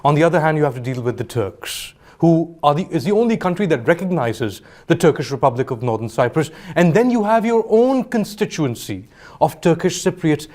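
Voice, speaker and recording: A man's voice: a little high, lively intonation, a little fast, darkish tone. A man asking probing questions as a news interviewer, in a direct, pressing way.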